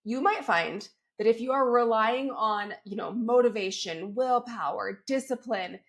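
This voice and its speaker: A fitness coach hosts a solo podcast with a cold, her rather high voice crackly, gravelly and squeaky. Unhurried, she's upbeat and chatty during her coaching talk, repeatedly checking in with "right?" and "okay?"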